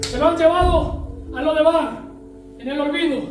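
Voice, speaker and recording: A man's voice: very high-pitched, normal speed, music in the background. A man with a Spain Spanish accent preaching a sermon, telling a story and acting out its scenes in different voices. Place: church. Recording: echoey church hall, mic at a distance.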